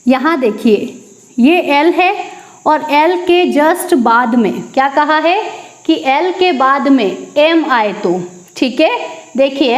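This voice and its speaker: A woman teaching English at a board, slowly repeating each word and then answering her own questions. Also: high voice, echoey room. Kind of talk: classroom lesson. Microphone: teaching at a board with a marker.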